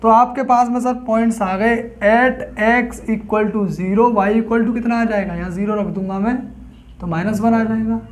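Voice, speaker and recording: Male math tutor, fairly high voice, step-by-step classroom explaining. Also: fairly even intonation, measured pace. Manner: explains step by step, asks students questions. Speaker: math teacher.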